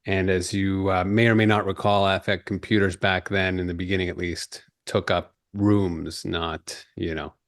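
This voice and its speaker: A man with a very low voice gives a podcast interview, laying out his background in a measured, explanatory way. His voice sounds dry and close to the mic, with no room around it. He is in his forties and grew up in Peru. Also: level tone, dry recording. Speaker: guest.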